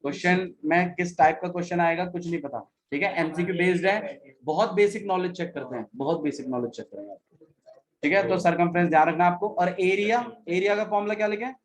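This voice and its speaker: A man's voice: high voice, fast talker, rough recording. A male maths teacher giving a classroom lecture, repeating key phrases and quizzing his students as he goes.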